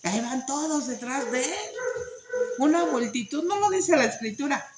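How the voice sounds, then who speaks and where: A woman's voice: high voice, animated, moderate pace, roomy sound, heavy background noise. A woman teaching an informal Bible study, talking conversationally with many fillers and tag questions.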